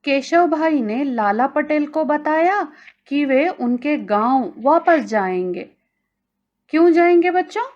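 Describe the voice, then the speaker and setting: Female teacher, slightly high voice, careful lesson delivery for kids. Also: animated, highs cut off. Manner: slow, careful, addresses children directly. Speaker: Hindi teacher. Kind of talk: recorded grammar lesson for children.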